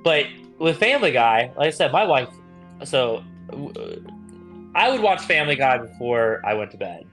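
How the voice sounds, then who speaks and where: A young man co-hosts a podcast, chatting casually and spinning rambling stories with an occasional swear word. His medium-pitched voice is sing-song and fairly bright, at a normal speed, over soft background music.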